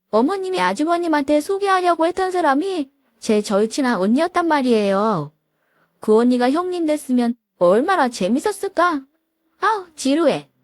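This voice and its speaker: A woman's voice: high voice, no echo, studio quality, pitched above the performer's own voice. A woman voicing a mocking, snobbish young sister-in-law who talks in a sneering, taunting way.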